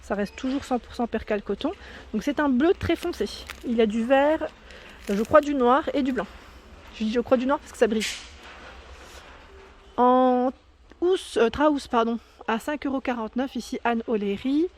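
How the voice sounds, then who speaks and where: A woman with a fairly high voice strolls through a big store, recording on her phone. She reads off prices, sizes and product labels in a chatty, unpolished way, stopping to correct herself. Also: normal speed, darkish tone, slight background noise. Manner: chatty, reading prices and labels aloud with fillers and self-corrections. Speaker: shopping vlogger. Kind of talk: casual store walkthrough. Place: inside a large discount store.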